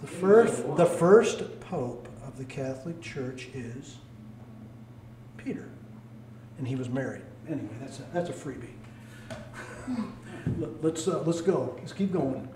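A male pastor preaching a sermon, animated and swinging between loud calls and hushed asides, recorded in a church sanctuary. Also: medium pitch, a little slow, pauses often, noisy background. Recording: echoey room, mic at a distance.

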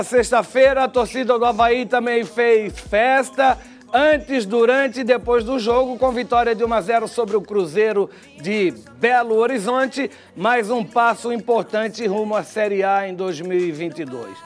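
Older Brazilian male TV host, high-pitched, chatty and wry, lapel mic, faint music bed. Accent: Brazilian Portuguese. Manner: chatty, wry asides, drawn-out sign-offs. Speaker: TV commentator. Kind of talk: studio TV commentary. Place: TV studio.

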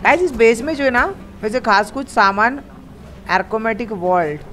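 A man with an Indian accent hosting a multiplayer gameplay video, excitedly hyping a raid and making playful sound effects. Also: high voice, normal speed, faint music behind. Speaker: gaming channel host. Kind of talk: live multiplayer gameplay chat.

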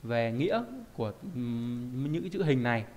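A man's voice: mid-range voice, lively intonation, moderate pace, a little mellow, slight background noise. A man teaching a Japanese kanji lesson, explaining in a conversational way and often asking rhetorical check questions.

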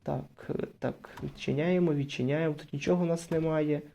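Mellow-voiced man narrating a horror game. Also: fairly high pitch, fairly even intonation, moderate pace, vocal fry. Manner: chatty, narrates each move, nervous bursts when hiding. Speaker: gaming channel host. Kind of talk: casual Let's Play commentary.

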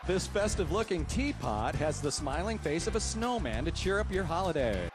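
A man playing an excited, booming game show prize announcer, reading out prize copy like a salesman. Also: moderate pace, background noise. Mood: upbeat, selling. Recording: music behind the voice.

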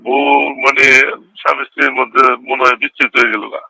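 On a recorded phone call, a middle-aged Bangladeshi local politician chats casually, repeating himself and often checking that he's understood. His mid-range voice is flat, quick, creaky, pushed and bright, with slight background noise.

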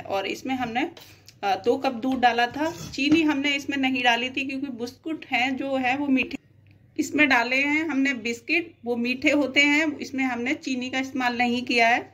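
A cooking channel host demonstrates a recipe in her home kitchen, plainly explaining each step as she works and often saying "dekhiye." Her voice sits high with a fairly bright tone, and there is slight background noise.

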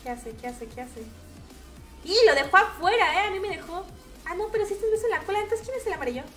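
A young woman with a Mexican accent giving chatty, casual commentary over her gameplay, now and then breaking into shrill, shrieking outbursts. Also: lively intonation, fast talker, fairly bright tone, soft background music. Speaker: gaming streamer.

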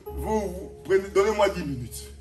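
A man with a Congolese French accent, preaching a sermon as a pastor, animated, breaking into shouts and laughing asides. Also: high-pitched, moderate pace, recorded from a distance. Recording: echoey hall, off-mic, music behind.

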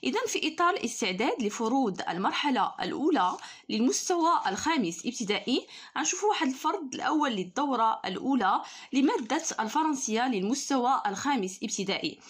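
A young Moroccan woman teaches an online school lesson in a fairly high, husky voice. She talks quickly when she explains, and reads the French words slowly and carefully. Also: big pitch swings.

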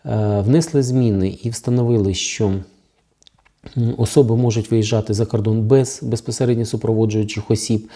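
Speaking straight to camera on his own legal channel, a Ukrainian-accented man explains new rules with sarcasm and criticism, using plenty of fillers. His voice is fairly low and mellow, steady in tone, at a moderate pace.

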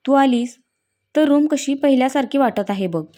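A sensitive young woman who sulks and complains to her friends, as a woman narrator puts her on. Her tone is soft and mellow, a little high, with a plaintive lilt. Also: normal speed, natural voice. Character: sensitive young woman, pouting and easily hurt.

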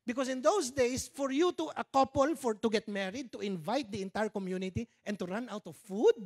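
A pastor, Filipino and in his fifties, gives a conversational sermon on a church stage backed by dark curtains, using a handheld mic and adding jokey Tagalog asides. He sounds very high-pitched, brisk and somewhat dark in tone.

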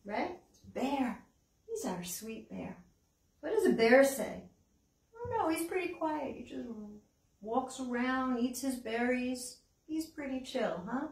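An older American woman hosts a children's library storytime with puppets, songs and read-aloud, asking young kids simple, encouraging questions. Her voice sits high, with lively intonation and a slow pace. The room sounds roomy, with a distant mic and background hiss.

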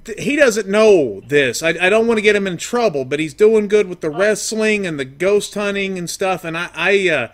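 A man's voice: sits high, animated. Hesitant, rambling estranged father, played by a man. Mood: pleading, rambling. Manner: hesitant, rambling, halting with ums and uhs. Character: estranged, down-on-his-luck father, washed-up rock musician. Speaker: prank caller. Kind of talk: prank phone call.

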